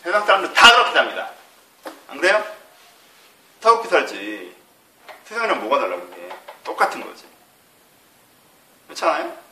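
A man's voice: a little high, very animated, moderate pace, long pauses, bright, forceful tone. A man giving a casual Bible teaching talk who keeps asking rhetorical questions and then answering them himself. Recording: roomy and distant, faint noise.

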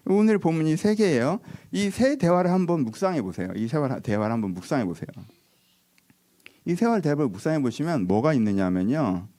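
A man preaching a sermon as a pastor, telling the story in a lively, animated way and acting out the dialogue between figures. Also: a little high, fairly quick.

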